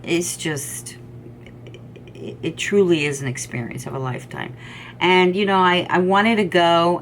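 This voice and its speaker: A middle-aged woman chats to camera about her knitting, enthusiastic and rambling, with plenty of ums and repeated words. Her voice sits a little low for a woman. A faint hum of room noise runs behind her. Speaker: knitting podcast host. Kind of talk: casual chat to camera.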